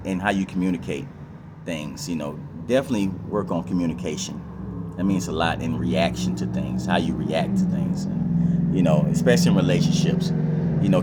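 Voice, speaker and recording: A man talks through casual life advice in a lowish voice, circling back with fillers and repeats. Clear background noise sits under him, with vehicles passing. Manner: rambling, repetitive, with many fillers and acted-out quotes. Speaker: vlogger.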